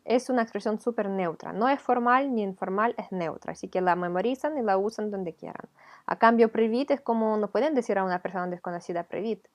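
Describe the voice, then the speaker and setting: A woman's voice: medium pitch, a little fast. A woman with a Ukrainian accent, a teacher explaining a video lesson patiently, step by step. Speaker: language teacher.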